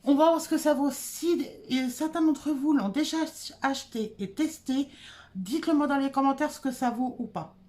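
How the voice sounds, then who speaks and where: Here a high, darkish voice belongs to an adult woman casually discussing a shopping haul from home at a moderate pace. As a haul vlogger, she pauses and hesitates frequently.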